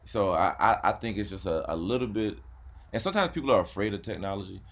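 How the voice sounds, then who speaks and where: Hosting his car channel on YouTube, a man talks fast in a fairly low, creaky, slightly bright voice, sounding animated. The chat stays casual and laid-back, full of repeated words and frequent uses of "man."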